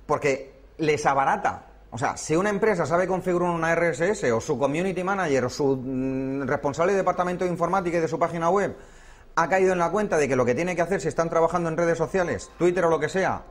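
A man teaching a hands-on workshop class, explaining step by step and often checking in with his listeners. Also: on the high side. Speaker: workshop instructor.

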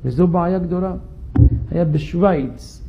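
Gravelly high-voiced rabbi preaching. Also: male voice, dull audio, slight background noise. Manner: animated, questions the audience. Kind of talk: sermon storytelling. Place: synagogue.

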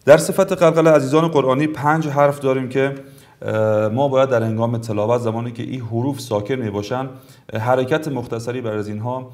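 A man's voice: medium pitch, steady tone, darkish tone. Afghan Dari-speaking male tajweed teacher. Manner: formal and courteous, drawls each example word slowly twice. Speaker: Quran recitation teacher. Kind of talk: tajweed lesson with slow recited examples.

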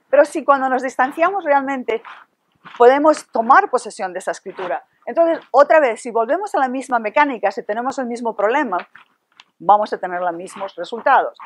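A middle-aged woman leads a workshop lecture in a classroom with a projection screen, captured by a distant room camera. Her voice is on the high side, and she is animated, gesturing a lot, asking the audience rhetorical questions and dropping English fillers like "ok" and "right."

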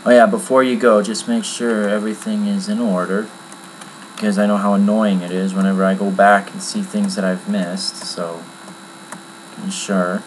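A man giving a casual, rambling screen-recorded software tutorial from his computer at home, with many fillers. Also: fairly low pitch, flat delivery, moderate pace, a little hiss or hum, low-quality recording. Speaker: tutorial maker.

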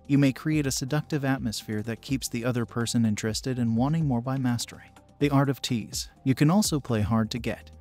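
A man narrating a scripted video in a voice of middle pitch, smooth and even, with no slips or filler words. Soft music plays faintly underneath his voice throughout. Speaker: channel narrator.

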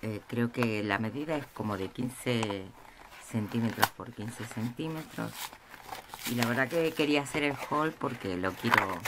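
Woman, slow, hesitant, casual show-and-tell, noisy tabletop recording. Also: rumbling low. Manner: slow, hesitant, with many pauses and fillers. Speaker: craft vlogger showing a haul. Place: indoors at a table. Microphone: camera over a tabletop, speaker off-screen. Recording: noisy room with crinkling packaging.

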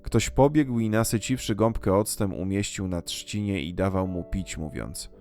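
A man with a low voice reads scripture slowly and reverently, like a liturgical reading. Soft guitar music plays quietly behind him. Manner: measured, unhurried, reverent delivery. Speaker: scripture reader. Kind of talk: solemn liturgical Gospel reading.

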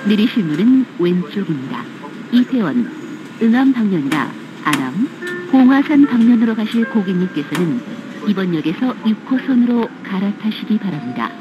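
A woman reading a polite, clearly enunciated, recorded train station announcement. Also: mid-range voice. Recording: muffled audio with music behind.

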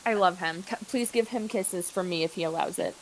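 A woman's voice: on the low side, brisk, very noisy. A woman chatting casually in a gushing, giggly way, cracking up mid-line. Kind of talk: casual chat during a game session.

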